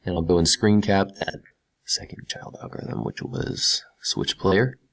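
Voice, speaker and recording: A male teacher with a fairly low voice walks through a screen-recorded tutorial. He talks casually as he clicks through each step and repeats key words to drive them home. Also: very animated, a little slow, creaky, a bit bright. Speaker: computer science teacher.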